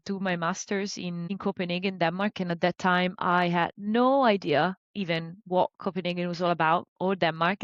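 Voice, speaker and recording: A woman in her thirties from Italy, a business coach talking about her career in a relaxed, chatty way with many fillers. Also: lowish voice, dry recording, lo-fi sound. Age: 30s. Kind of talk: conversational interview.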